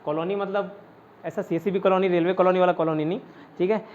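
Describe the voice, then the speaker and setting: A man with a fairly high voice leads an online exam-prep class. He explains step by step and answers his own questions as he goes. The sound is dull and lo-fi. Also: fairly even intonation, fast talker. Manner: often adds "ठीक है" to check understanding. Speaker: teacher.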